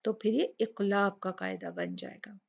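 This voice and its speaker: A woman teaching Quran recitation rules, explaining patiently, repeating words slowly and asking rhetorical questions. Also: mid-range voice, huge pitch swings, gravelly, husky. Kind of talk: slow explanatory lesson with recited examples. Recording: dull lo-fi recording.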